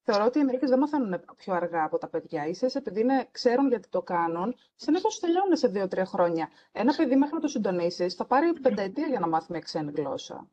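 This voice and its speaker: A woman's voice: mid-range voice, big pitch swings, warm tone, highs cut off. A woman hosting a casual podcast conversation, talking earnestly and emphatically and slipping English words into her speech. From Greece. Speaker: French teacher and podcast host.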